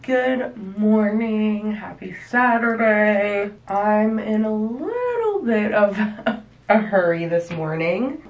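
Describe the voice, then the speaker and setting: A young woman hairstylist chatting casually to camera in a small bedroom at home, filling her talk with "like" and gesturing as she goes. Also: mid-range voice. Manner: chatty, frequent "like" fillers, animated hand gestures. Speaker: hairstylist vlogger. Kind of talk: casual vlog chat to camera.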